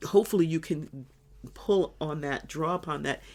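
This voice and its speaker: Low-voiced older woman, chatty host. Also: normal speed, a little mellow. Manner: reflective storyteller, chatty. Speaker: podcast co-host. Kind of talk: casual chat.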